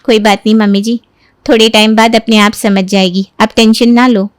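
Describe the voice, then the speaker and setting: A woman's voice: a little high, level tone, moderate pace, no room sound, clean studio sound, pitched below the performer's own voice, lightly acted. A woman voicing a caring young sister-in-law who soothes and calls out in alarm. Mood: soothing.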